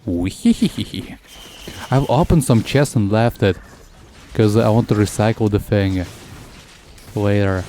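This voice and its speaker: A man's voice: fairly low pitch, mellow, slight background noise. Rambling male streamer. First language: Russian. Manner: rambling, halting, heavy with fillers. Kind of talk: casual gameplay commentary.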